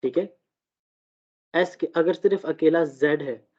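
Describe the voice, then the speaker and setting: Slow-talking guy teaching german online, keeps checking in, muffled audio. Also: on the high side, a little mellow. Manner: slow, repeats "theek hai" often, fillers. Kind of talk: live online language class. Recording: dull lo-fi audio.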